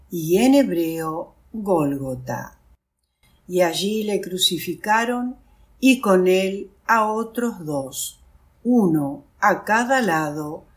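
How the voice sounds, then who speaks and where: A woman reading scripture aloud in a measured, solemn way, with rising emphasis. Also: mid-range voice. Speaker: scripture reader.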